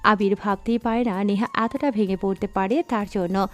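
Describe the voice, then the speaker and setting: A woman narrating a dramatic story in a scripted, expressive reading. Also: medium pitch, moderate pace. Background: faint background music.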